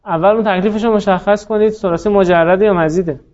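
A man's voice: sits high, fairly even intonation, a little mellow, dull audio. A man teaching Arabic grammar in a class, quizzing students by name and praising their answers patiently. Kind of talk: classroom lesson, drilling students.

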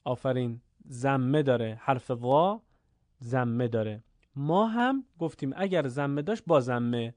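A man teaching Quran reading in a lesson. He explains the rules quickly and says the example words slowly and drawn out. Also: medium pitch, lively intonation, a little mellow, no room sound. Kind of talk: lesson with slow word drills.

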